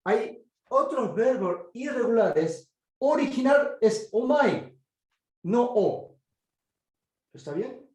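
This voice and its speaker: Speaking very slowly with long pauses, this man's very high, animated voice has a darkish tone and echoes around the room. He's a Korean-accented teacher of biblical Greek giving an online grammar class in Spanish, his second language. He keeps dropping in "¿sí?" to confirm students understand.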